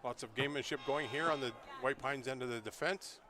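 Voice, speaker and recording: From the press booth of an outdoor stadium, a man with a medium-pitched voice gives live color commentary a little fast, with background noise around him. He's chatty, loose and opinionated, full of fillers.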